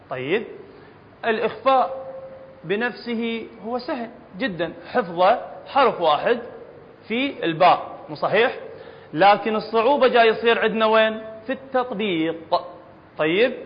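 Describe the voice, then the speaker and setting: A man with an Iraqi accent teaching a Quran recitation lesson to an audience in a hall, often quizzing them with questions. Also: on the high side. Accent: Iraqi Arabic. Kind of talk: classroom tajweed lesson. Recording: dull, echoey hall recording with faint hum.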